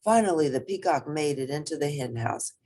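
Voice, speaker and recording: A woman reading a children's picture book aloud as an expressive storyteller. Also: sits low, a little fast, slight background noise.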